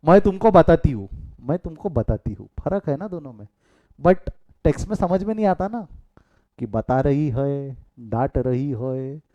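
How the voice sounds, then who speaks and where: A man's voice: on the high side, mellow, lo-fi sound. A middle-aged man with an Indian accent teaching a live online commerce class, mixing Hindi and English, quizzing his students and breaking off into chatty asides.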